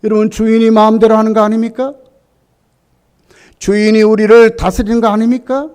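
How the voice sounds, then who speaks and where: A male pastor with a notably high-pitched voice delivers an emphatic sermon. He presses his points with repeated rhetorical questions that climb in pitch and force. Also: little pitch movement, a little fast, clean tone. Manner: emphatic preaching, rising to loud peaks on repeated questions.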